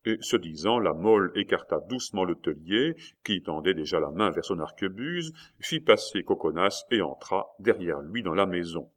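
A man reading a historical novel aloud as a narrator, steady and dramatic. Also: sits low, normal speed, hardly any pauses. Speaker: audiobook narrator. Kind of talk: scripted narration.

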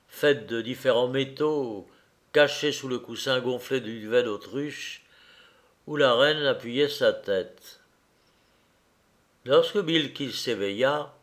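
A man narrating a storybook tale in a measured, deliberate reading. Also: mid-range voice.

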